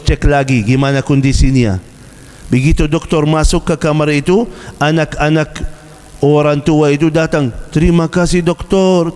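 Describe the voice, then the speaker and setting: A man's voice: a little high, darkish tone. A man preaching a sermon, telling stories dramatically and acting out cries and voices. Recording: long hall reverb.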